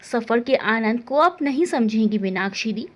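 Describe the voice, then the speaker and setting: A woman's voice: on the high side, lively intonation, normal speed, highs cut off, pitched below the performer's own voice. A woman voicing a dreamy young woman in love. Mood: wistful.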